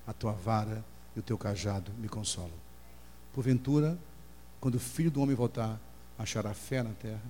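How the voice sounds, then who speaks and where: A middle-aged Brazilian man preaching a sermon as pastor, telling an emotional story and crying out in high voices as he acts out the people in it. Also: moderate pace, dark tone. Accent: Brazilian Portuguese. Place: church hall. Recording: long hall reverb, faint hum.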